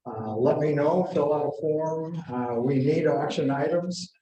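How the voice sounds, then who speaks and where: A man's voice: fairly high pitch, measured pace, dark tone. A man making plain, hesitant announcements at a club meeting. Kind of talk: casual announcements. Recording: roomy hall with faint noise.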